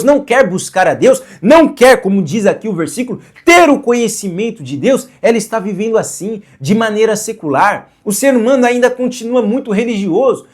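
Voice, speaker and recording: A man preaching a sermon to camera, earnest, posing rhetorical questions and answering them himself, and repeating phrases for emphasis. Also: very high voice.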